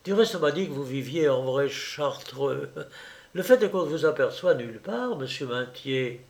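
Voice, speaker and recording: A man's voice: mid-range voice, expressive, normal speed, close to an everyday voice. A man voicing an affected young woman who gushes and coos baby talk at her little dog. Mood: chatty. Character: gushing, affected young Parisian woman fussing over lapdog.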